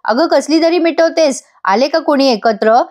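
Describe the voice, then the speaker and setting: A woman's voice: sits high, moderate pace, a little mellow, pitched above the performer's own voice, natural voice. A woman reading the lines of an angry, hurt young husband from a TV serial, in pleading, exasperated outbursts.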